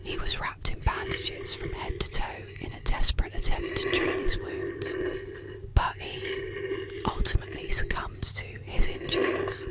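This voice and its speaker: In a soft, breathy whisper, an ASMR narrator tells eerie folk legends slowly and soothingly to help listeners fall asleep.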